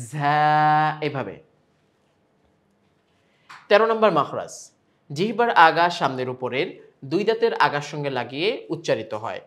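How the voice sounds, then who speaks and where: A man's voice: fairly high pitch, a bit bright. A man with a Bangladeshi Bengali accent teaching Quran pronunciation step by step, stretching out sample sounds between explanations.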